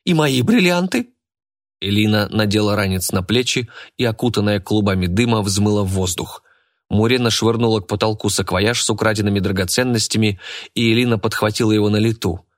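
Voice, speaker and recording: A man narrating an adventure audiobook in a steady, expressive reading. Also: lowish voice, fairly quick, dry recording, clean studio sound.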